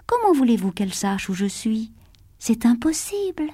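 A woman's voice: fairly high pitch, big pitch swings, moderate pace, mellow, no room sound, studio quality, voice pushed up. A woman voicing an innocent, trusting young princess in a storybook, light and naive. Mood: earnest.

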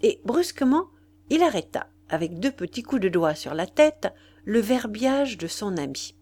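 A woman narrating a literary audiobook with expressive, dramatic storytelling. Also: mid-range voice, measured pace. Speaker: audiobook reader.

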